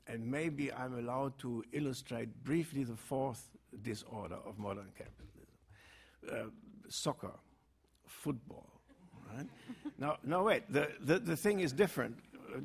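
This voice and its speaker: A man talks on an academic panel in a husky, slightly raspy voice of middling pitch. He speaks haltingly, with frequent fillers and dry ironic asides to the room.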